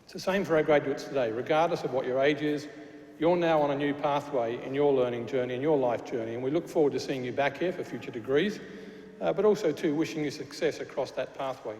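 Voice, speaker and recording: In an echoey church hall with faint background noise, a Glasgow-accented Scottish university official speaks to graduates in a mid-range, darkish voice, a little fast. He chats and jokes with the crowd, often restarting sentences and using fillers.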